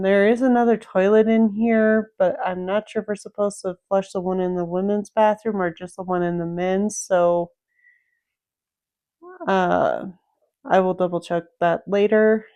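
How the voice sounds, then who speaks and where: Woman, gameplay walkthrough commentator, clear voice, slow easygoing explaining. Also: medium pitch, darkish tone. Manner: unhurried, explanatory, thinking aloud. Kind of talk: casual game walkthrough commentary.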